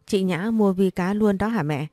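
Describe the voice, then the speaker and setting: A woman's voice: mid-range voice, moderate pace, warm tone, no room sound, faint music behind, close to an everyday voice. A woman voicing a spoiled, greedy young sister-in-law who eggs on her mother in a storybook reading. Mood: excited. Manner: eager, needling.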